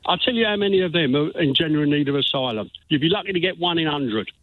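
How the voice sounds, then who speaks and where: A man's voice: on the high side, animated, quick pace, no room sound. A man in his sixties with a London accent, calling into a radio phone-in. He talks bluntly and repeats his points. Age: 60s. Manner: blunt, insistent, repeats himself. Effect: phone line. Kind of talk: heated phone-in argument. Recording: tinny phone line.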